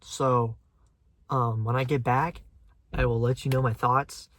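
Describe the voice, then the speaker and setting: A man's voice: medium pitch, a little slow, a little hiss or hum. Young male vlogger, mid-range voice, eager rambling fan chatter. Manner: excited, rambling fan talk. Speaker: channel host. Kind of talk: casual chat.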